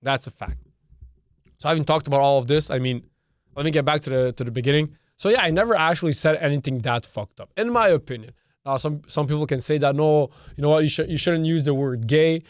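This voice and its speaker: A man's voice: fairly high pitch, brisk, no room sound, clean studio sound. Emphatic man hosting a solo podcast. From Canada. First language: Serbian. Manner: emphatic, repetitive, lists points by number. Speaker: podcast host. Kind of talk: opinionated solo podcast monologue.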